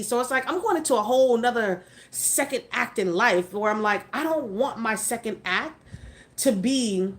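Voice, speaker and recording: Talking live with her audience, a forties-aged host, slightly high-voiced, keeps things conversational and responds to comments as they pop up. She's blunt and emphatic, with the occasional curse word thrown in.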